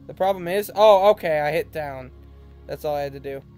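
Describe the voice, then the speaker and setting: Man, high voice, casual game commentary, reads dialogue aloud, playful, sweary, light music behind. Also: fairly quick, darkish tone, clean tone. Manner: playful, teasing, foul-mouthed. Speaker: let's play host. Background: video game music.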